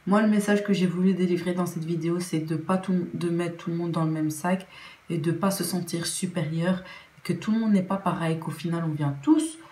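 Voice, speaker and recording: A woman's voice: on the low side, steady tone, normal speed, warm tone. A young Belgian woman with a Belgian French accent, talking earnestly in a casual opinion vlog, often restarting her sentences. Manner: earnest, with many restarts and fillers. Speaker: vlogger. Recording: roomy echo.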